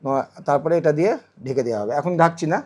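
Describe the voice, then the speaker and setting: Talking very fast in a voice on the high side, a man runs through a product installation in a casual hands-on video. He explains each step as he demonstrates, repeating his phrases often.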